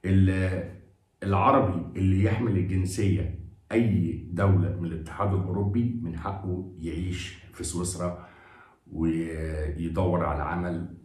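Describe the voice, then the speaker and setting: A man's voice: sits low, steady tone, moderate pace, darkish tone. A man with an Egyptian Arabic accent giving chatty advice to his viewers, pleading with them and adding blessings as he talks. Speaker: vlogger giving job advice. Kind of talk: casual advice talk to camera. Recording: echoey room.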